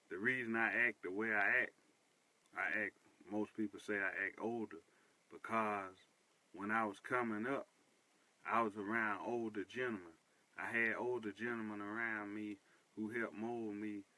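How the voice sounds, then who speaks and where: A man hosts a personal monologue. His voice sits low and sounds bright and forceful, and he repeats himself for emphasis. The recording is dry and close. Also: dry recording, rough recording. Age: 30s. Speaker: host.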